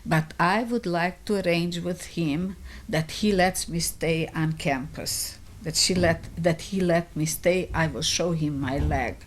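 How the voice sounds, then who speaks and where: A woman's voice: on the low side, measured pace, slight background noise, natural voice. An old woman voicing a determined young woman. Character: desperate young woman pleading her case.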